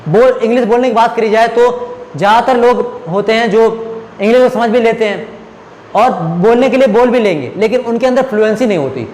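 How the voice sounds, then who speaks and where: A man's voice: extremely high pitch, brisk, a little mellow, reverberant, long reverb tail. A man whose first language is Hindi, teaching spoken English and explaining step by step, often checking that students follow. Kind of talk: classroom lecture.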